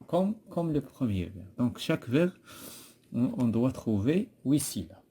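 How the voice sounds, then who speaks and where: A man's voice: mid-range voice, big pitch swings, unhurried, mellow, slight background noise. A man with a Moroccan accent, teaching a poetry lesson and patiently repeating and correcting a pupil's answers.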